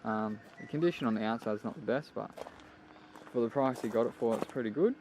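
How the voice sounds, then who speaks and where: A man's voice: medium pitch, quick pace, noisy background. A man chatting casually as a vlog host, laid-back, slangy and sweary. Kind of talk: casual car vlog chat.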